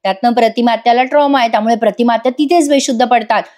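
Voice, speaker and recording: A woman giving a voice-over recap of a TV serial, telling it in a lively way and speaking straight to her viewers. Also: on the high side, racing. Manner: lively storytelling, addresses viewers directly. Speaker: serial reviewer.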